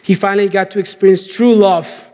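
A man telling a story as a preacher in a sermon, in measured short phrases with deliberate pauses. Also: high-pitched, fairly even intonation, mellow. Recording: long hall reverb.

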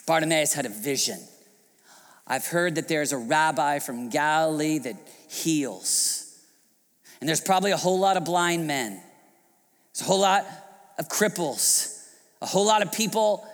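A male pastor preaching a sermon, swinging from hushed passages to loud, shouting outbursts. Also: fairly high pitch, long reverb tail. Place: church hall.

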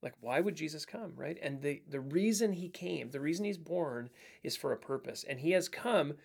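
A man's voice: fairly high pitch, animated, normal speed, gravelly. A man co-hosting a Bible podcast, talking through a passage in an earnest, reflective way and often quoting scripture. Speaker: podcast co-host. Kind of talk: casual Bible study chat.

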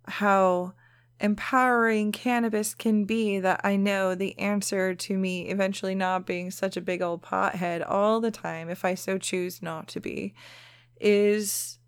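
A woman's voice: medium pitch, clear, resonant tone, no room sound. A woman hosting a solo podcast in a casual, frank, stoned-sounding drift, swearing freely as she talks. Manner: stoned, unhurried, drifting delivery. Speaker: podcast host.

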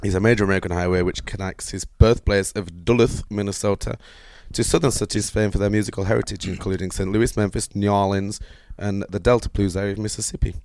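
A man's voice: lowish voice, fairly even intonation, fast talker, hardly any pauses, a little mellow, dry recording. A man, co-hosting a casual podcast chat and reading through his notes with lots of fillers. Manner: rambling, reads notes aloud with fillers. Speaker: podcast co-host.

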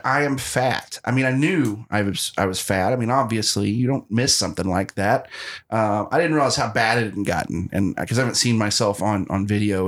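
Male podcast host, late thirties, mid-pitched, rambling and self-mocking, casual chat. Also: fairly bright tone. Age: 30s. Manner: rambling, self-deprecating, frequent restarts.

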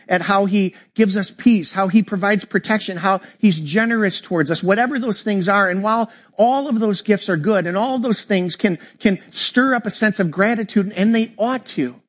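High-voiced man preaching an earnest sermon. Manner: earnest, heartfelt, directly addressing the congregation. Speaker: pastor.

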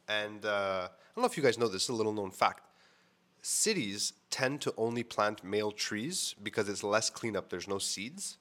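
Speaking into an on-camera mic, a male vlogger shares a personal story in a candid, offhand way, peppered with fillers and curse words. He sounds slightly congested, and his lowish voice comes across pushed and bright.

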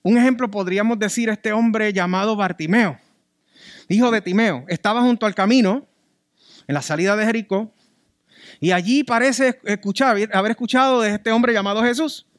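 A man's voice: high voice, normal speed, no room sound, studio quality. Emphatic Puerto Rican preacher man. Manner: emphatic, repeats key words, swings from loud to soft. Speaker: pastor. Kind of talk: preaching a sermon.

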